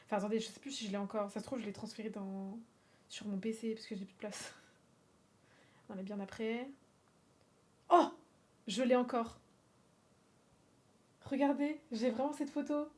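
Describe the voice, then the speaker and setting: Woman from France, casual stream chat, fairly high voice, lively, cursing, frequent laughs, bits of English. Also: normal speed, pauses often. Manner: animated and chatty, swears often, laughs a lot, slips in English phrases.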